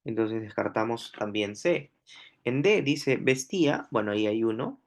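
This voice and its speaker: A man with a Peruvian Spanish accent teaching a grammar lesson, slow and deliberate, repeating each example word aloud. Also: lowish voice, animated. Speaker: language teacher.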